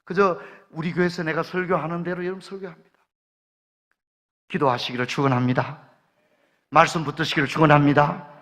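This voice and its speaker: A man with a Gyeongsang accent preaching at a revival service in a church, fervent and rising to loud exclamations. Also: fairly high pitch, fairly even intonation, fairly quick, long pauses. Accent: Gyeongsang Korean. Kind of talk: revival sermon. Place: church sanctuary. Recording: church hall reverb.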